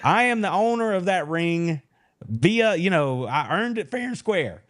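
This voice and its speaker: Animated man hosting a sports show. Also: high voice, unhurried. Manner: animated, folksy, teasing banter. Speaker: podcast host. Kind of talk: casual live-stream sports chat.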